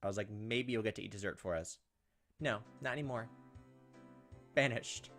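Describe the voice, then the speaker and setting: Speaking at normal speed, a gaming video host with a lowish, fairly bright voice reads visual novel text in a relaxed let's play. He peppers it with jokey comments and reactions while the game's music plays in the background.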